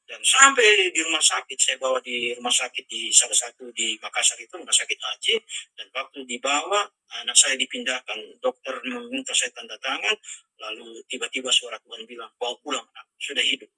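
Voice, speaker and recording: A man's voice: mid-range voice, big pitch swings, brisk, creaky, sharp tone, husky, no echo, low-quality recording. A middle-aged man telling his life story as a personal testimony, in an earnest storytelling way and acting out the dialogue. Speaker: pastor giving a testimony.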